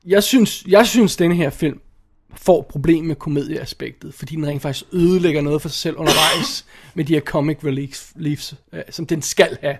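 A man giving blunt, animated opinions in a casual podcast chat, swearing now and then and often restarting his sentences. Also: fairly high pitch, slightly rough. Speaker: podcast co-host reviewing films.

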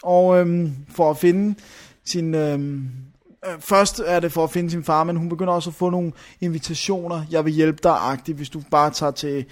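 A man's voice: a little high, steady tone. A young man chatting casually about a film, rambling, searching for names and filling gaps with hesitations. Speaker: film reviewer.

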